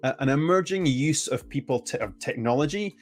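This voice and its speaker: A man who is a native English speaker gives an energetic conference presentation, often correcting himself and restarting his phrases. His voice is medium-pitched and brisk, with soft music in the background.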